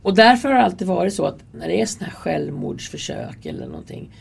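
A woman's voice: fairly low pitch, huge pitch swings, vocal fry, slightly rough. A woman, a guest in an interview, telling stories in a candid, earnest way and acting out quoted dialogue. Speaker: interview guest, subway security worker. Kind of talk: casual conversational storytelling.

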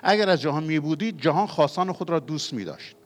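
A man preaching a sermon as pastor, moving between quiet confiding passages and loud, fervent exhortation. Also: on the high side, animated.

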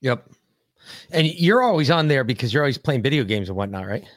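A man's voice: medium pitch, sing-song, a little fast, no echo, studio quality. A man hosting a call-in show, talking casually and informally as he handles the calls. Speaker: host taking calls. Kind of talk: casual chat.

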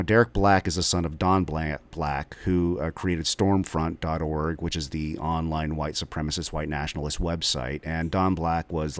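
A man's voice: deep voice, clean tone, no room sound. A man hosting a podcast, introducing an episode in a casual, rambling way with many filler sounds. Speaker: podcast host.

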